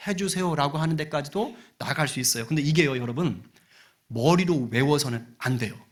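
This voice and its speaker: Animated preaching man. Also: a little high. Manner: animated preaching, acting out prayers and quotes, drops to hushed asides. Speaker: senior pastor. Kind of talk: sermon.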